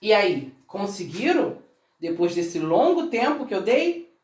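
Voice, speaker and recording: A Brazilian woman with a Brazilian Portuguese accent teaches a recorded grammar lesson to children at a classroom board. Her mid-range voice is sing-song and a little mellow, and she speaks slightly slowly, coaxing the kids and drawing words out syllable by syllable. The sound is roomy and picked up from a distance.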